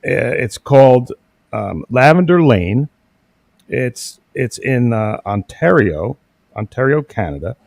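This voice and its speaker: A man talking as a guest in a casual interview, rambling and hesitant with many pauses and fillers. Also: medium pitch, very animated, creaky, darkish tone, no echo. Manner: rambling, many ums and uhs, halting.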